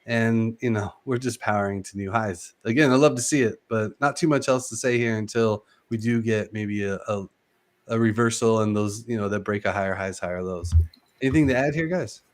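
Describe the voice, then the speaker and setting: A man's voice: fairly low pitch, brisk. A man hosting a casual trading show, upbeat and loose, with plenty of fillers as he walks through charts. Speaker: host. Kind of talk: casual market chat.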